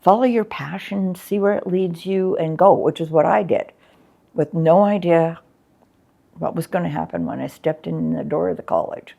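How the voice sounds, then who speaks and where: At a normal speed and with a fairly low, mellow voice marked by vocal fry, this older Canadian woman recalls her arts work. She is a former arts coordinator, candid and chatty in a reflective interview, using lots of ums.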